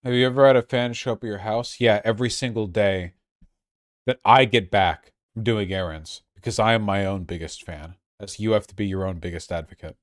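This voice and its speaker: A man's voice: on the low side, a little fast, no echo, studio quality. A very drunk man rambling on a casual livestream, crude, losing his thread and stumbling over repeated words. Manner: crude, swearing.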